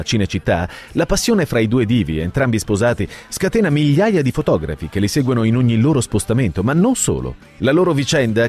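A man's voice: medium pitch, darkish tone. Dramatic male radio narrator. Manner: dramatic, storytelling.

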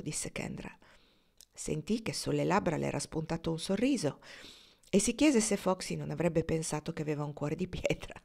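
A woman's voice: deep voice, gravelly, a little mellow. A woman reading a novel aloud, lifting her voice for the characters' lines. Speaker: audiobook reader.

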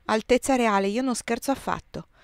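A woman reading aloud, voicing a chatty, excitable young queen in high, animated tones. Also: clear, resonant tone, no room sound, clean studio sound, lightly acted. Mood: excited chatter. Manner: quick, animated, raised.

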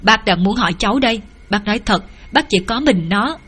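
A woman's voice: medium pitch, lively intonation, a little fast, fairly bright tone, husky. A woman narrator voicing a worried middle-aged mother who pleads tearfully for help finding her runaway daughter. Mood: pleading.

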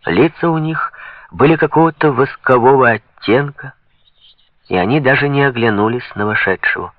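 A man narrating an audiobook in a measured, even reading, in a dull lo-fi recording. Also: mid-range voice, no room sound. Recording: dull lo-fi sound.

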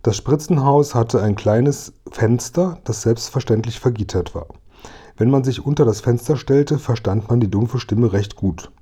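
A man narrating a children's storybook aloud in a lively, clear storytelling manner. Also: mid-range voice, unhurried. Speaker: audiobook reader.

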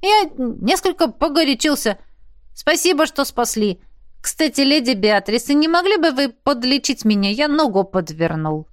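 A woman's voice: on the high side, animated, moderate pace, few pauses, smooth, no echo, studio quality, natural voice. A woman voicing a boastful male gnome in an audiobook who speaks in a pompous way and then turns meekly apologetic. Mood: sheepish.

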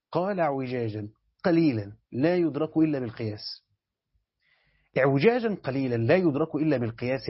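A man with a slightly high, somewhat rough voice and an Egyptian Arabic accent, a sheikh, teaches a Quran commentary class step by step while checking his students understand. It's a dull, lo-fi lecture recording.

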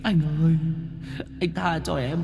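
A man's voice: a little high, fairly even intonation, a little slow, vocal fry, a little mellow, long reverb tail, highs cut off, slight background noise, voice pushed up. A man voicing a timid young male ghost who begs to be spared. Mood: pleading. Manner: begging, whimpering.

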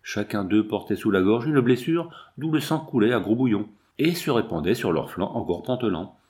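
A man's voice: fairly low pitch, animated, a little mellow. Man reading a dramatic audiobook. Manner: measured, dramatic first-person reading. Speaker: audiobook narrator. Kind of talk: scripted narration.

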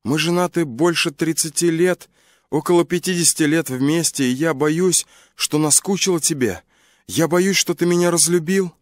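Male narrator doing a soft-spoken young woman, tender and worried, pitched well above his own voice, audiobook. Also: moderate pace, dry recording, studio quality, natural voice. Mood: anxious. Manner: soft, pleading, rising to frightened cries. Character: anxious young woman, gentle and loving.

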